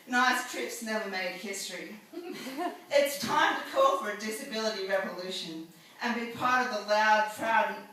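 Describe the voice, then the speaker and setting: A woman's voice: mid-range voice, distant mic. Defiant woman poet in echoey venue. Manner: defiant, crude and emphatic, rising to shouts. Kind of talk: live spoken-word poetry performance. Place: live event venue. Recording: echoey room, mic from afar.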